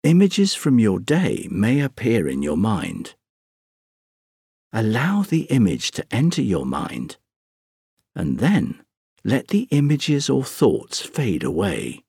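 A man with a fairly low, breathy voice leads a guided relaxation for sleep. He speaks softly and very slowly, leaving long pauses between gentle, soothing instructions. The recording is close and dry. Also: huge pitch swings, dry recording. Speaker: guided meditation narrator. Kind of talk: guided sleep relaxation meditation, scripted narration.

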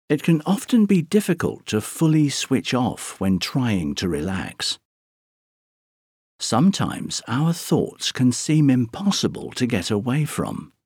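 A man slowly guiding a sleep meditation, counting breaths in a soothing, drawn-out way with long pauses. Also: medium pitch, slightly rough, no room sound, studio quality. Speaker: meditation guide.

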